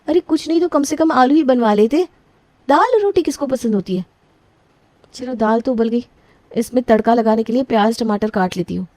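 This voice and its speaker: In a scripted family storybook cartoon, a woman voices a flustered, put-upon young newlywed daughter-in-law. Her high, soft-toned voice swings between pleading and whiny grumbling. The recording is dry and close, near an everyday speaking voice.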